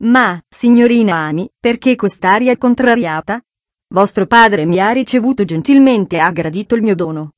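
In a storybook reading, a woman gives voice to a shy, gentle young suitor who talks with earnest, formal politeness. The delivery stays close and dry, with no room sound around it. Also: mid-range voice, expressive, normal speed, no room sound, lightly acted. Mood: earnest pleading.

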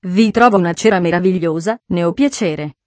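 Lady doing a loud sneery french guy, slow mocking drawl, storybook reading. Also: on the low side, no room sound, natural voice.

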